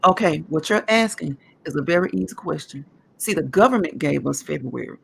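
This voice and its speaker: A woman's voice: low voice, expressive, a little fast, gravelly, fairly bright tone, a little hiss or hum. A woman in her forties talking at length in a casual discussion, earnest and emphatic as she explains her views. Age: 40s.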